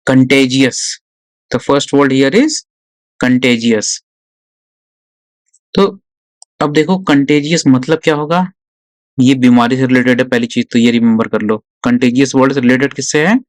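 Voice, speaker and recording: In an online exam vocabulary lesson, a man poses his own questions, answers them, and repeats key words slowly. He speaks Hindi mixed with English in an Indian accent, with a mid-range voice and no echo.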